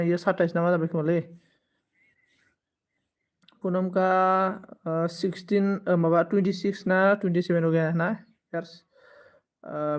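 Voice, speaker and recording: A man's voice: high-pitched, darkish tone. A man in his twenties hosting a live stream, casually thanking viewers by name and consoling them. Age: 20s. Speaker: livestream host.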